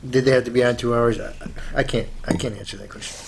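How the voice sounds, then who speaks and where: A man from the police answering a resident's question in a measured, hesitant way. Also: medium pitch, fairly even intonation, creaky, a little hiss or hum. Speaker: police official answering at a meeting.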